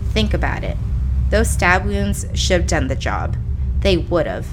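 A woman's voice: lowish voice, very animated, a little slow, background noise. A woman voicing a scorned, vengeful young woman who taunts with cold menace. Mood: menacing. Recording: music bed under the voice. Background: music.

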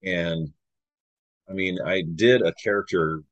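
A man hosting a podcast, telling rambling, animated anecdotes in a casual chat with many fillers. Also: deep voice, takes it slowly, no echo, lo-fi sound. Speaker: podcast host. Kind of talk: casual conversational storytelling.

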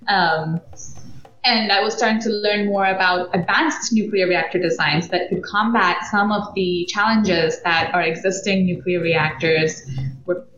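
A woman's voice: on the low side, a bit bright. A woman in her thirties, from Belgium, a podcast guest who talks casually with many fillers and restarts. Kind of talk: casual interview. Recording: echoey, muffled podcast audio.

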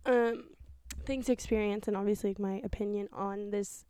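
A woman in her twenties, rambling quietly and a little awkwardly in her bedroom for a solo podcast, using lots of filler words. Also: mid-range voice, steady tone, moderate pace, smooth, dry recording. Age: 20s. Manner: rambling and hesitant, heavy use of filler words; talking quietly and self-consciously. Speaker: podcast host. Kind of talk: casual solo podcast monologue. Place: her bedroom, sitting in bed. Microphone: small mic with a fluffy windscreen.

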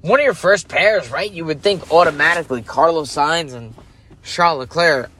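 A man's voice: a little high, moderate pace, bright, forceful tone, slight background noise. A sleepy, yawning man ranting casually as a podcast host, rambling and losing his focus. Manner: rambling, loses focus, self-interrupting. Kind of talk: casual rant.

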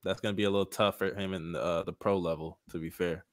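Low-voiced man with slangy bro banter. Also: steady tone, fast, no room sound, studio quality. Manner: slangy, bro-heavy frat-guy banter. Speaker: podcast host. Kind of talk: casual chat on a sports and anime stream.

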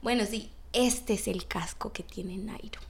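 A pushy bike shop salesman works his customer in a hushed, persuasive pitch, as a woman retelling the story acts him out. He keeps leaning in on the deal he is offering. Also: unhurried, gravelly, slightly rough, exaggerated voice.

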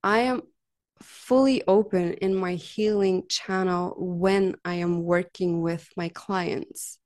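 A woman's voice: fairly low pitch, fairly even intonation, slow, darkish tone. A woman massage therapist talking casually and earnestly about her work, often tagging her sentences with "like" and "right?". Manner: chatty, frequent "like" and "right?" tags; earnest, heartfelt. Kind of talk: casual conversational storytelling.

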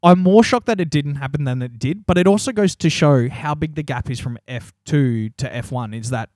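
A man's voice: on the high side, a little fast, darkish tone, no room sound, clean studio sound. A man with an Australian accent chatting casually and jokingly as a podcast co-host, using plenty of slang. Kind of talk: casual chat.

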